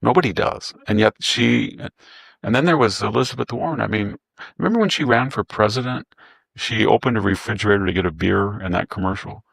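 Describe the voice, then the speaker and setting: A lower-pitched man with a gravelly, fry-laden voice, talking politics with biting sarcasm. He sounds scornful and mocking, the recording close and dry with no room sound. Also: a little fast, a bit bright, dry recording. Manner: scornful, mocking, mimics opponents. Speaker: political commentator. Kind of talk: sarcastic commentary in conversation.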